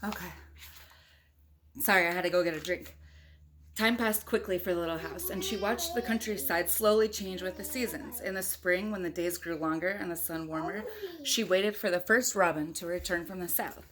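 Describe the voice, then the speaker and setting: Here a woman with a lower voice reads at a normal speed. It's an informal storytime: a mother sharing a picture book with young kids and viewers, chatting and asking questions along the way.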